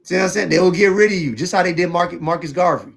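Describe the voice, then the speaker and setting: A man's voice: sits high, very fast, creaky. A man from South Florida, hosting a heated debate on a stream and talking in an emphatic, preachy way. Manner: emphatic and preachy, repeats "see what I'm saying". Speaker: show host.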